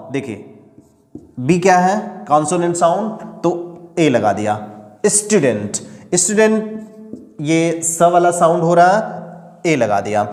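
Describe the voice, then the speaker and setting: Male teacher, Hindi accent, step-by-step classroom explainer, slightly raised pitch, reverberant hall sound. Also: a little mellow. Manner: explanatory, asks and answers own questions. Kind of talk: spoken English lesson. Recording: echoey room with long reverb.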